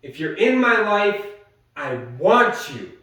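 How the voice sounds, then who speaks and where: Angry, foul-mouthed man arguing at home; fairly high voice, captured from across a very echoey room. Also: big pitch swings, takes it slowly. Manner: angry, swearing, shifts between yelling and low muttering. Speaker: partner in a domestic argument. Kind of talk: heated argument. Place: house, indoors. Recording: echoey room, voice far from the mic.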